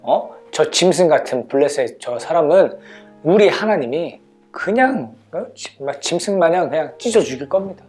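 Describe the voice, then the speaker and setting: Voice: mid-range voice, animated, normal speed, a little mellow, soft background music, natural voice. A children's teacher voicing a fearless, defiant teenage shepherd boy while retelling a Bible story. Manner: fiery, defiant.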